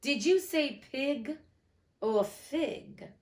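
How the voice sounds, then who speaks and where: A woman voicing a mad, teasing storybook cat with drawn-out, emphatic phrasing. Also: high voice, expressive, pitched above the performer's own voice, exaggerated voice. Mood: casual, curious. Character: grinning mad Cheshire Cat, playful, teasing riddler.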